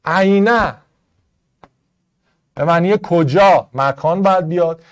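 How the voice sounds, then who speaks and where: A man teaching an online Arabic grammar class in Persian, going briskly through test answers and rules, step by step. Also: sits high. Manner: brisk, explaining step by step to students.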